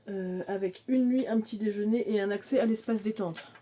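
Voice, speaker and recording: A woman's voice: medium pitch, warm tone. Woman in her thirties, home vlogger, rambling chat full of fillers, faint hiss behind. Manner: rambling, many fillers and trailing pauses. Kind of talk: casual vlog chat. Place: mobile home on a hot day.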